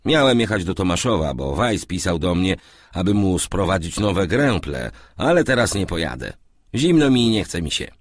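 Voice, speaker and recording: A man's voice: low voice, sing-song, normal speed, no room sound, studio quality. A man doing a grumbling sleepy merchant. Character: sleepy, scolding young merchant.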